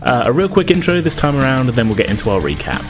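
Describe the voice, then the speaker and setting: Over music, a man with a mid-range, sing-song voice talks fast as game master of a tabletop gaming podcast. His manner is informal and conversational through a casual intro, a recap and game narration.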